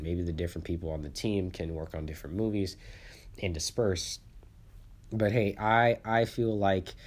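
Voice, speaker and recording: A man with a low voice hosts a casual solo movie podcast. He sounds congested and sniffly from the flu. His delivery rambles, with stammered restarts and repeated words. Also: darkish tone.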